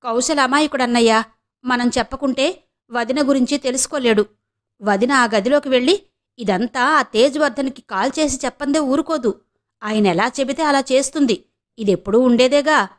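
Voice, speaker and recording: A woman's voice: high-pitched, normal speed, lightly acted. A woman voicing a quarrelsome middle-aged sister-in-law with a sarcastic, needling manner. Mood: scheming.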